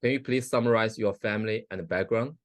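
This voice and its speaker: A man in a mock hearing, asking formal questions in a measured way. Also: fairly low pitch, dry recording, studio quality.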